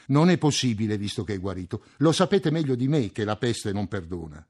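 A man reading an audiobook, voicing an anxious, touchy middle-aged man who flares into shrill outbursts. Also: sing-song, a little fast, a little mellow, slightly rough. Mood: defensive.

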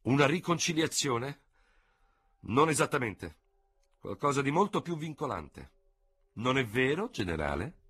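A man's voice: mid-range voice, big pitch swings, a bit bright, no room sound, pitched above the performer's own voice, heavily acted. A man voicing a dignified general in a radio audiobook, speaking coldly with grave mockery. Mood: solemn. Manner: cold, measured, gravely mocking. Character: cool, ironic male general, dignified.

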